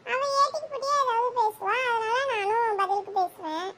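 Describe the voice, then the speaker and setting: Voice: very high voice, normal speed, sharp tone, full character voice. A performer voicing a cheeky, defensive cartoon boy who quarrels with his cousin.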